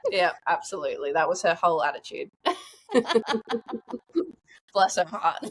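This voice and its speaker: A woman guest telling a lively hunting story in a casual, chatty way. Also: fairly low pitch, takes it slowly, slight background noise. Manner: chatty, animated, lots of "like" and laughter.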